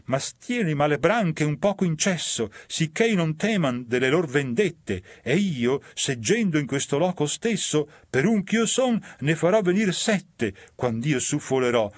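A man's voice: on the high side, big pitch swings, a little slow, hardly any pauses, no echo, voice pushed up. A man voicing a crafty, frightened male sinner in a dramatic verse reading, with a raised, eager and tense delivery. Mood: eager, scheming.

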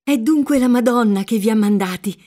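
A woman's voice: a little high, big pitch swings, a little slow, dark tone, husky, voice pushed up, full character voice. A woman voicing a frightened young female captive who speaks in a trembling, urgent way. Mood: fearful.

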